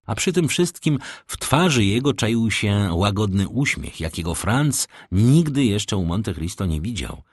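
A man reads a classic novel aloud in a low, husky voice. His delivery is expressive, with a pitch that rises and falls a great deal. The recording is dry and close. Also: a little slow, hardly any pauses, no room sound. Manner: expressive, dramatic storytelling. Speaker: audiobook narrator. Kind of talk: scripted narration of a classic novel.

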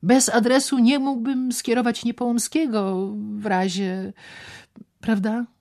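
A smooth, insinuating gambler who coaxes and half-whispers his offers, delivered slowly and deliberately, as a woman reads his part in an audiobook. His voice stays low in volume, slipping into breathy whispers as he presses his point. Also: flat delivery. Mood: persuasive. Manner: hushed, persuasive, often dropping to whispers. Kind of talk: audiobook character reading.

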